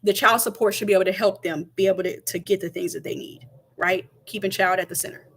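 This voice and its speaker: A woman's voice: mid-range voice, fairly even intonation, quick pace, husky. Chatty young woman talking straight to camera. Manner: chatty, emphatic, repeats points. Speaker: vlogger. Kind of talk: casual talk to camera.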